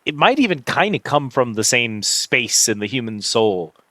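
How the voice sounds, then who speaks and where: A man hosts a casual gaming livestream in a mid-pitched voice. He talks in a rambling, reflective way, feeling for his words as he goes. The sound is close and dry, with no room around it. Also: sing-song, moderate pace, a bit bright, no room sound. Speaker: livestream host.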